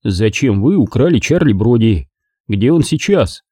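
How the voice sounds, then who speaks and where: A man's voice: mid-range voice, sing-song, a little slow, warm tone, husky, no room sound, clean studio sound. A man reading an audiobook and voicing a blunt, persistent male detective who questions accusingly. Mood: pressing.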